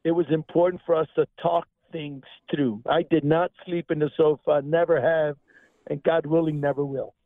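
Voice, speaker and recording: A man's voice: on the high side, fairly even intonation, normal speed, no room sound. A man in his sixties calling in to a radio show, speaking earnestly and from the heart over the phone. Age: 60s. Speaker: caller. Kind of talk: call-in radio chat. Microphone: telephone. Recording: tinny phone line.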